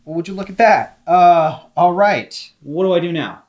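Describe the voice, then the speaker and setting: An actor playing a hesitant, deadpan man calling customer support, with dry understatement in a comedy. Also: high voice, normal speed, highs cut off. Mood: reluctant, dry. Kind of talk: comedy dialogue.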